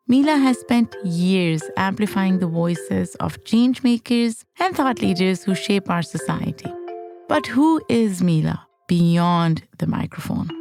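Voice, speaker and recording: A woman's voice: medium pitch, a little mellow. A woman from Pakistan hosting an interview podcast, speaking in a friendly, conversational way. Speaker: podcast host.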